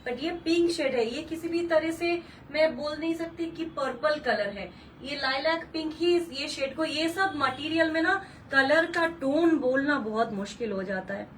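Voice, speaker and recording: A woman's voice: sits high, recorded from a distance, a little hiss or hum, poor audio. A woman hosting a live saree sale, gushing and repeating color names, mixing English words into Hindi. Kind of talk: live-stream sales pitch.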